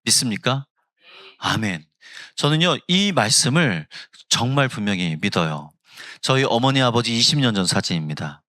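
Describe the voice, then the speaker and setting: A pastor in his fifties from South Jeolla, preaching a funny, story-driven sermon in church. His voice is bright and forceful, with lively pitch that rises and falls. The sound is dry and close. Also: normal speed, no echo. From South Jeolla, Korea. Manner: humorous, acts out family quotes. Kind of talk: storytelling sermon at a Friday prayer service. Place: church sanctuary.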